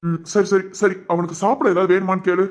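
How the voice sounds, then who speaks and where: A man playing a concerned village husband who speaks in a calm, matter-of-fact way. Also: high-pitched, quick pace, lightly acted.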